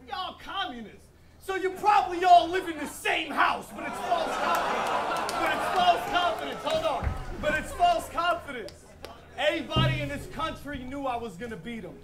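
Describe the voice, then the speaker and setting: A man performing a live battle rap, delivering taunting punchlines with laughing asides. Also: extremely high pitch. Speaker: battle rapper. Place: live battle event before a crowd. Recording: crowd noise from a live event.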